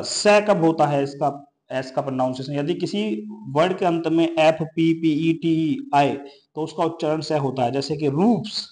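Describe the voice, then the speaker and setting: A man's voice: on the high side, a little mellow. A man teaching an English pronunciation lesson, explaining each rule and then listing example words one by one.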